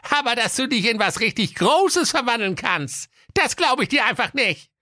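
A man voicing a cheeky, smug talking dog who flatters and taunts in a comic fairy-tale reading. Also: normal speed, dry recording, clean studio sound, exaggerated voice. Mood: cheeky taunting. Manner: high squeaky falsetto, taunting and wheedling.

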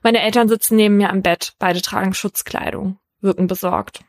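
A woman hosting a true crime podcast, telling a case in a measured, scripted first-person narration. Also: mid-range voice, steady tone, no room sound, studio quality.

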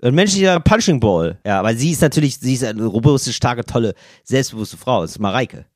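A man's voice: mid-range voice, fairly quick, no echo, clean studio sound. A man co-hosting a comedy podcast, rambling through improvised bits and jumping into voices. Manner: rambling, animated, slips into voices. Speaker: podcast co-host.

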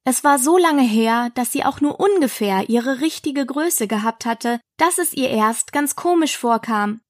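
A woman reading a classic storybook aloud for her podcast, calm and measured. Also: sits high, no room sound, studio quality. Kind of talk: audiobook narration.

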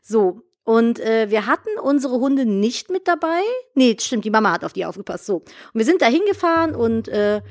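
A woman's voice: a little high, animated, normal speed, few pauses. A woman in her thirties co-hosting a casual chat, with blunt, slangy banter. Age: 30s. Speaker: podcast co-host.

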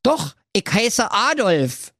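A man voicing a cheeky, put-upon royal valet with a strong Berlin accent, talking high and snippy in a comic reading. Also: big pitch swings, slow, pushed and bright, no room sound, studio quality, heavily acted. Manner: snippy and exasperated, pitched high. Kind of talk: comic fairy-tale reading.

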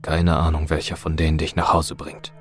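A man voicing a detached, sorrowful male stranger in a horror story, speaking flat and quiet. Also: extremely low pitch, normal speed, soft background music. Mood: calm.

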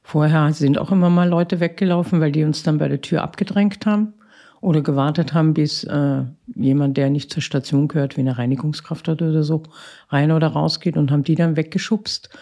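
Gravelly-voiced woman in her fifties. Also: low-pitched, steady tone, normal speed, mellow. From Austria. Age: 50s. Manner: matter-of-fact, with frequent hesitations. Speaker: head nurse of a psychiatric crisis ward. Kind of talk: casual interview answers.

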